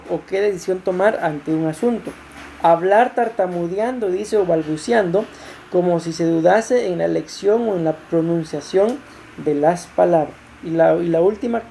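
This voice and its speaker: A woman's voice: medium pitch, gravelly, mellow, a little hiss or hum. A woman pastor with a Costa Rican accent preaching to a women's group, explaining scripture and asking rhetorical questions. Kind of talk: sermon.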